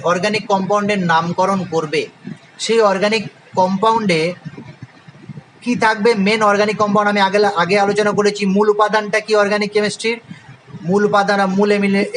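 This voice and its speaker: A man's voice: sits high, fairly bright tone, slight background noise, poor audio. A man teaching a chemistry lesson with a Bengali accent, spelling out terms letter by letter and asking and answering his own questions. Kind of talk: classroom lecture.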